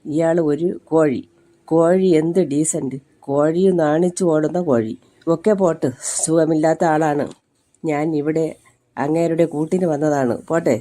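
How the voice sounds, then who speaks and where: A man's voice: fairly high pitch, steady tone, measured pace, dark tone, natural voice. A man voicing an anxious young wife who speaks earnestly and pleads. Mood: pleading.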